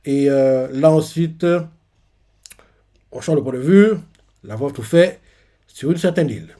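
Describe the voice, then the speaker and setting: A man's voice: medium pitch, expressive, a little slow, warm tone. A man casually retelling a comic chapter in a rambling way, with many fillers. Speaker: manga reaction youtuber.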